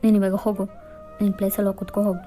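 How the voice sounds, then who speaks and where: A cold, dismissive young man, as a woman reads him aloud in a storybook-style fan fiction. He speaks in curt, clipped lines with a mellow, low-key tone. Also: flat delivery, rapid-fire, faint music behind, lightly acted. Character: cold young man breaking up with his girlfriend.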